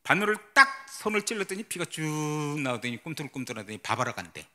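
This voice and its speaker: A man's voice: medium pitch, big pitch swings, fast, pushed and bright. A man who is a missionary pastor, giving a testimony sermon at a church service, telling his story dramatically and asking the congregation questions. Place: church sanctuary.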